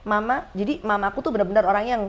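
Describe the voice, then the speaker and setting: A woman in her forties, a guest on a casual chat, telling her story in a slangy, lively way. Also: medium pitch, fast. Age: 40s. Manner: lively storyteller who acts out quoted voices; slangy, chatty.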